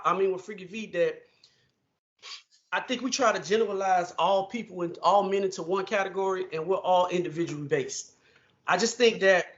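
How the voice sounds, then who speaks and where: A man with a strikingly high voice gives his views in a measured, agreeable way, pausing to search for words. The sound is dull and lo-fi. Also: fairly bright tone. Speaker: podcast co-host. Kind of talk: casual podcast discussion. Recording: lo-fi muffled audio.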